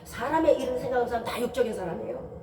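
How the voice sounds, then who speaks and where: A woman's voice: fairly high pitch, rapid-fire, recorded from a distance, noisy background. A woman pastor giving a Sunday sermon in a conversational way, asking many rhetorical questions and briefly acting out people's voices. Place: church sanctuary. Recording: roomy church, voice from afar.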